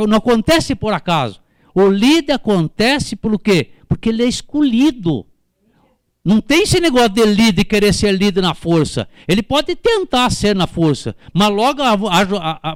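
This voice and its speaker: Fervent Brazilian pastor with a high voice. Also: male voice, dry recording. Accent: Brazilian Portuguese. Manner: fervent preaching, questions the congregation by name. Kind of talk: sermon. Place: church service.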